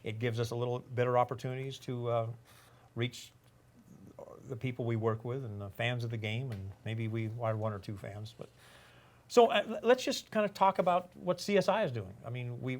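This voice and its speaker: Speaking briskly in a medium-pitched voice, an older organization executive hosts a relaxed podcast. He rambles, cracks jokes, and fills his talk with fillers and restarts.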